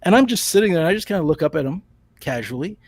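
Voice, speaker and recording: A man with a husky, slightly high voice swings his pitch widely as he talks. He is a guest in a casual interview and rambles through his stories with frequent restarts. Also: big pitch swings, racing, no echo. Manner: rambling storyteller with restarts and laughs. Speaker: interview guest, comic creator.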